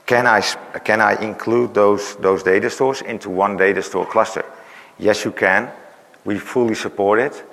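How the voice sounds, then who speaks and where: A man's voice: deep voice, creaky, a bit bright. A man giving a technical conference talk who is losing his voice, explaining with many "uh"s and "right?" tags. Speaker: conference presenter. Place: large conference hall. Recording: reverberant conference hall.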